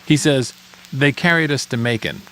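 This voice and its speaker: A man's voice: medium pitch, moderate pace, bright, forceful tone, slight background noise, rough recording. A man hosting a podcast, delivering scripted documentary narration.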